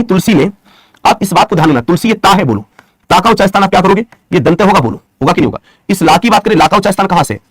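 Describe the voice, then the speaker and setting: Fast-talking, husky-voiced male Hindi teacher. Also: sits high, no room sound. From India. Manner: repetitive, drills questions and answers to students; affectionate teacher's address to students. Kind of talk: online Hindi grammar class.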